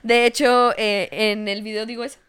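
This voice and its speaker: A woman's voice: fairly high pitch, moderate pace, clean tone. A woman with a Mexican accent hosting a casual chat show, swearing freely and telling stories with a laugh. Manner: swears freely, laughs often, lively storytelling. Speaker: podcast host.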